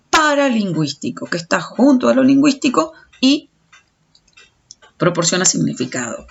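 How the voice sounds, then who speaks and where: Creaky and slightly breathy, a fairly high female voice delivers a recorded lecture. The teacher works through her explanation step by step, tripping over restarts, and the lo-fi audio sounds dull.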